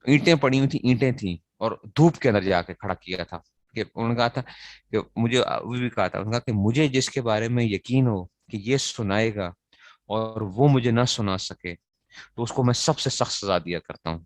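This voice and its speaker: A man's voice: fairly low pitch, no room sound. A man teaching grammar to students in a classroom lecture, asking questions and answering them himself and repeating key phrases. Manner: recites verb conjugations in a slow chant.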